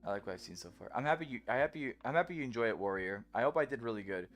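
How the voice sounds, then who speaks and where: A man's voice: medium pitch, animated, very fast. A man chatting casually as a livestreamer, rambling on and on like a self-described yapper, with music behind him.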